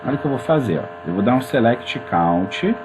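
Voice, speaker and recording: A man talks viewers through a coding tutorial, loose and chatty. His pitch swings up and down all the time. A steady mains hum runs under his voice. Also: brisk. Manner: chatty and informal, addresses viewers as gente. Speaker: programming teacher. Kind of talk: screen-recorded coding tutorial.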